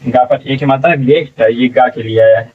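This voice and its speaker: A man's voice: medium pitch, steady tone, normal speed, recorded from a distance. A man teaching English reading in Hindi, spelling words letter by letter and repeating them as he asks the class what they become. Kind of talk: slow spelling lesson. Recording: tinny phone-like sound from off mic.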